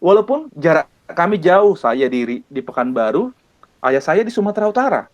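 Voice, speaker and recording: A man from Indonesia, an evangelist, telling his personal testimony in an earnest way, with many pauses and repeated phrases. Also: on the high side, big pitch swings, lo-fi sound. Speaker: evangelist guest.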